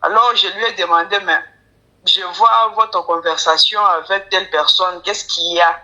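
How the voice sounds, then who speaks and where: Speaking lowish and steady with a sharp tone, a woman from Kinshasa, Congo calls in to a live coaching show to share her story. She isn't a native French speaker, so her French comes out halting and broken, with grammar slips and a Congolese accent, and she deferentially keeps calling the coach by title. The audio is lo-fi.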